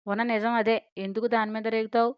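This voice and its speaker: A woman's voice: on the high side, level tone, fast talker, smooth, dry recording, natural voice. A woman voicing a stern, protective father who speaks sharply and reproachfully, in a storybook reading. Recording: dull lo-fi dry recording.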